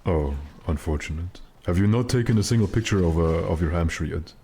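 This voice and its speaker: A man with a very deep voice chatting casually with his stream viewers while gaming, in a joking, mock-serious way. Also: fairly quick, warm tone. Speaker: live game streamer.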